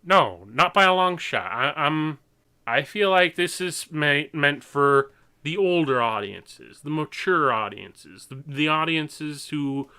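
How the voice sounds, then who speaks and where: A man's voice: fairly high pitch, animated, slow, bright, forceful tone, smooth. A young adult man giving an unscripted, earnest and exasperated opinion as an online creator, often stammering and repeating words as he restarts.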